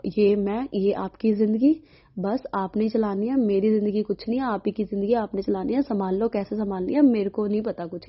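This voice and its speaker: A young woman earnestly sharing a devotional experience as a personal testimony, emotional and heartfelt, slipping English words into her speech. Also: medium pitch. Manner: earnest, emotional storytelling with Hindi-English mixing. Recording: dull lo-fi audio.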